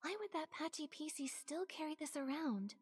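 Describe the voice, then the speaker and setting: A woman's voice: high voice, animated, normal speed. A young woman voicing an earnest, curious game heroine who reasons things through aloud. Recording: game audio with faint music.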